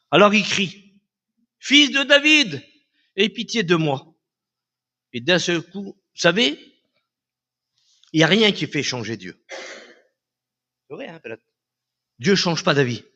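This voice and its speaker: A pastor delivers a sermon in a high, piercing voice that cuts right through. He preaches with fervour, hammering the same phrases again and again and speaking straight to his listeners at a church service. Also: bright, forceful tone, dull audio. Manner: fervent, repetitive preaching that addresses the congregation directly.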